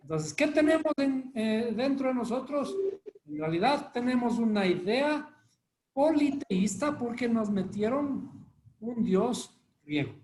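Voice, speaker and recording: A man's voice: extremely high pitch, sing-song, a little slow, darkish tone. A man teaching a live Bible study class, constantly quizzing his listeners with rhetorical questions. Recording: echoey room with faint noise.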